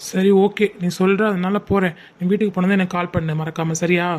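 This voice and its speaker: A calm young boyfriend talks quickly and reassuringly, as a woman voices him. His tone stays even and steady. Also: lowish voice, pitched below the performer's own voice, close to an everyday voice.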